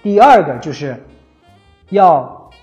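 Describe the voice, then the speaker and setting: A man's voice: a little high, big pitch swings, slow, a little mellow, muffled recording. A middle-aged man from China giving earnest, casual advice on learning English, often slipping English phrases into his talk. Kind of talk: casual spoken lesson. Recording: faint music behind.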